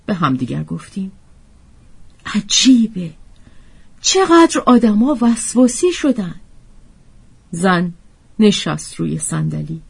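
A woman reading a literary story aloud as narrator, in a gentle, expressive manner. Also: medium pitch, slightly rough.

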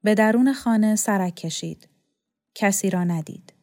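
A woman narrating a novel in a measured, even storytelling voice. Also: mid-range voice. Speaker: audiobook reader. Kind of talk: scripted narration.

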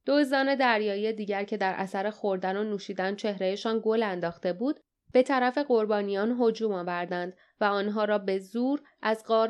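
A woman's voice: darkish tone, clear, resonant tone. A woman narrating an audiobook, reading the characters' dialogue with a livelier, raised voice. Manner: reads dialogue with raised pitch and energy.

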